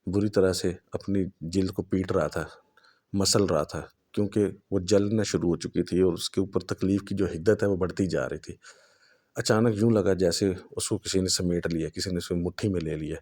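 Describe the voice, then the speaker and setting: A man's voice: low voice, darkish tone. A man narrating a horror story in a dramatic way that builds suspense.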